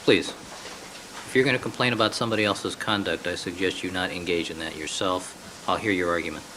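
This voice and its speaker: A courtroom recording of a man serving as judge, his voice sitting very low. He speaks in short, measured, authoritative rulings. Faint room hiss runs beneath. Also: steady tone, pushed and bright, low-quality recording.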